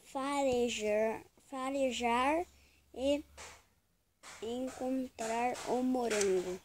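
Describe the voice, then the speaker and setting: A woman reading a picture book aloud as if to a toddler, with simple child-directed phrasing, playful emphasis and some halting words. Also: fairly high pitch, slight background noise. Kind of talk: storybook read-aloud, as if to a toddler.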